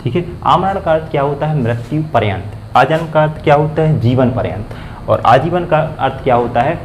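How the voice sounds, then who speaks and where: A man's voice: on the high side, expressive, moderate pace, slight background noise, poor audio. A man teaching grammar, asking a question and then answering it himself, repeating the key words, with phrasing. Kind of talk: classroom-style grammar lesson.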